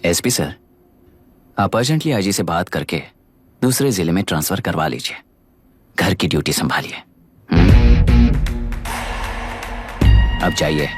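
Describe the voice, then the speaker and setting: A man's voice: sits low, lively intonation, moderate pace, pauses often, over loud music. An actor dubbing a stern, commanding new district collector who lectures his officers with cold authority. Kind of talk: dubbed film drama. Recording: film soundtrack with loud score.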